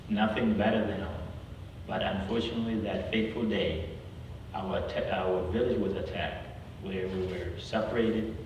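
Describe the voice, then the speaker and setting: A man from South Sudan speaking as a guest at a university, earnest and halting, with frequent restarts. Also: fairly low pitch, darkish tone, lo-fi sound, a little hiss or hum. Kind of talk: campus talk with prayer and personal story. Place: large hall. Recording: echoey hall from far off.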